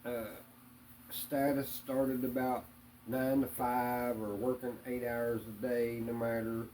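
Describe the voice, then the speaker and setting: A man answering interview questions in a hesitant, plainspoken way, with many pauses and fillers. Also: mid-range voice, little pitch movement, darkish tone, a little hiss or hum, low-quality recording. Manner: hesitant, many ums and uhs; plainspoken, religious. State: hiccups.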